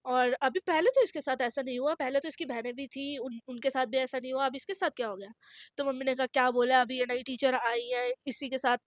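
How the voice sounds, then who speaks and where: A teenage girl with a high voice tells a school story in a lively, casual way and acts out the other people's voices. The sound is dry and close, with no room echo. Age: teens. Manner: animated, acts out quoted voices.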